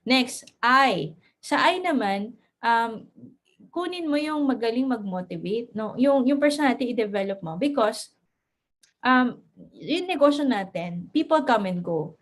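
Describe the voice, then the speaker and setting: A woman's voice: fairly high pitch, lively intonation, a little slow. A woman giving a motivational lesson to her team as a mentor. She mixes English phrases into her talk, laughs often and stammers at times. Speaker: network marketing mentor.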